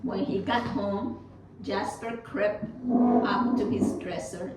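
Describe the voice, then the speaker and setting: A woman's voice: mid-range voice, steady tone, slow. A woman reading a children's story aloud with dramatic emphasis, occasionally stumbling over the text. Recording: roomy, distant mic, noisy background.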